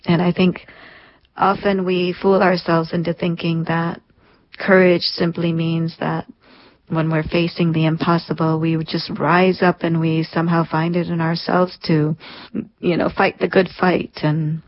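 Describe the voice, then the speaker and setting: A woman's voice: on the low side, flat delivery, a little slow. A woman in her thirties, an interview guest, telling a personal story in an earnest, reflective way. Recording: lo-fi dull sound.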